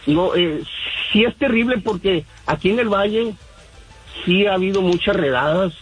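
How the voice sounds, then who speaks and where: Calling a radio show by phone, this Mexican man speaks at normal speed in a high register, wandering through his point with lots of fillers. Music plays underneath, and the recording is low quality.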